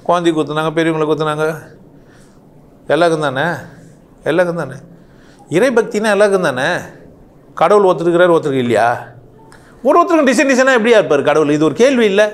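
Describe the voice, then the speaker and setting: Forceful questioning spiritual teacher. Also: male voice, fairly high pitch, big pitch swings, brisk, pauses often. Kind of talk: satsang talk.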